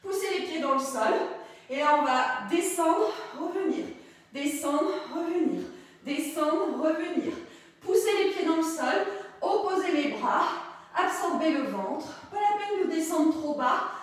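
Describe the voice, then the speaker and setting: A high-voiced woman talks a class through a pilates routine, cheerful and pushing with repeated cues. She is heard from a distance in a very echoey room. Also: lively intonation, a little slow. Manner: upbeat, coaxing, repeating cues. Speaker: pilates instructor. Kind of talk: guided workout instruction. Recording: very echoey room, far from the mic.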